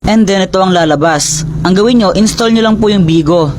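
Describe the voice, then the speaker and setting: A man making an eager, salesy promotional pitch for a giveaway. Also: fairly quick, darkish tone.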